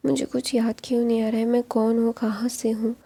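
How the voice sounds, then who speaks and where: A bewildered young man who has lost his memory, firing off anxious, pleading questions, as a woman narrator plays him. The voice sits fairly high with a husky, gravelly grain. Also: flat delivery, normal speed, warm tone, exaggerated voice. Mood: confused, tearful.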